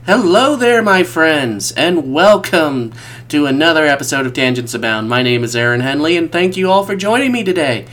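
A man's voice: on the high side, normal speed. A man from the American Midwest hosting a casual podcast, stuffed up from a cold, rambling and correcting himself as he goes. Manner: rambling, animated, self-correcting. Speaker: podcast host.

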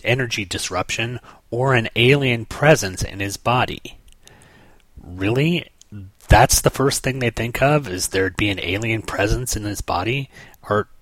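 A man with a fairly low voice walks through a comic book page by page in casual commentary. He drops wry, sarcastic asides as he goes. The recording sounds dry and close. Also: pushed and bright, no room sound. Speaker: podcast host reviewing comics.

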